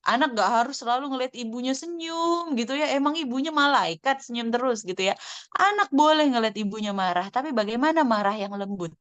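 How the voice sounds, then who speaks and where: A woman in her thirties speaking in a parenting sharing class, explaining calmly and acting out conversations between a mother and her child. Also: on the high side, fairly quick, no echo. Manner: warm explanatory, acts out mother and child dialogue. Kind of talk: answering a question in an online sharing class.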